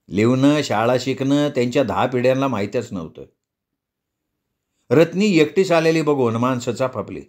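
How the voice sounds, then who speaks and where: Male storyteller, mid-pitched, vivid and earthy delivery. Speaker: narrator. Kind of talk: storytelling reading.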